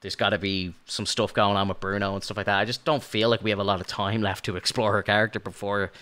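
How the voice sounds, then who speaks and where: Man, low-ish voice, forceful bright tone, rambling, casual podcast talk. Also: level tone, quick pace, smooth. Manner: rambling, many fillers and restarts. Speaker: podcast co-host. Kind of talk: casual review chat.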